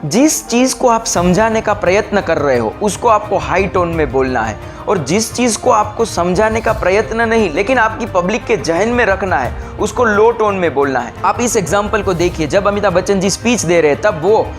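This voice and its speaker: A man giving a public speaking lesson, explaining slowly and deliberately. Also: high-pitched, animated, music in the background. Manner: slow, deliberate explaining, mixing English phrases. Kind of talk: bilingual training talk.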